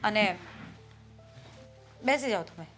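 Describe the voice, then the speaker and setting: An actress playing a patient, worried wife and elder sister-in-law who reasons calmly about family troubles. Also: female voice, mid-range voice, slow pace, faint music behind. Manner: calm, reasoning, then pushing back. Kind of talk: family drama acting.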